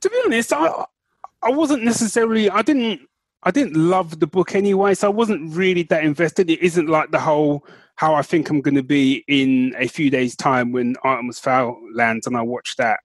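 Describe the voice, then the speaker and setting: On a podcast he co-hosts, a man chats informally about film and book news, repeating points for emphasis. His voice is a little high at normal speed, recorded dry.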